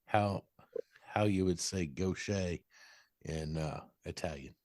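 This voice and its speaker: Very deep-voiced man, halting. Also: a little mellow, no echo, clean studio sound. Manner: halting, many restarts and fillers. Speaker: podcast co-host. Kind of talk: casual chat.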